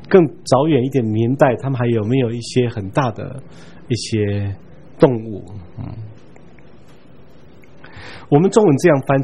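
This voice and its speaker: A man giving a Bible study lecture in a relaxed, chatty way, chuckling now and then and checking in with his listeners. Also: mid-range voice, slightly rough. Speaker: Bible teacher.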